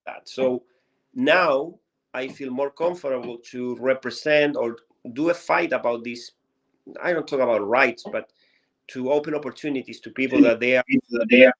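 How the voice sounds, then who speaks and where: A man with a Chilean Spanish accent, a native Spanish speaker, sharing his life story as an interview guest. His manner is sincere and unhurried, and he sometimes pauses to search for the right English words. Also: mid-range voice, rough recording.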